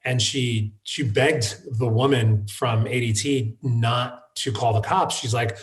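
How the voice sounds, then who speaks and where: A man guest speaking in an interview, telling a long personal story at his own loose pace. His voice sits at a middling pitch, and he halts often, circling back with fillers and restarts as he works through the memory. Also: fairly even intonation. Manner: halting, many fillers and restarts. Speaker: guest, wine shop founder. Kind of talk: conversational storytelling.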